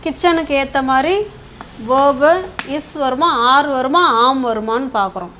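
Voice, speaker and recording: A woman's voice: sits high, expressive, unhurried, a bit bright, a little hiss or hum. A woman, teaching English grammar in a patient lesson style. She often checks in with "okay?" and stretches words out while writing.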